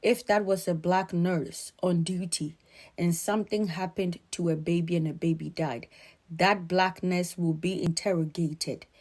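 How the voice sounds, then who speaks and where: A woman from Ghana with a Ghanaian accent, giving earnest, emphatic spoken commentary in a measured way. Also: fairly low pitch, a little mellow.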